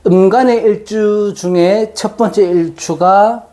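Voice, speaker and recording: A man giving an unscripted explanatory lecture, haltingly, his articulation slightly slurred and tangled as if numb from the dentist. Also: sits high, steady tone, warm tone. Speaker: fortune-telling lecturer.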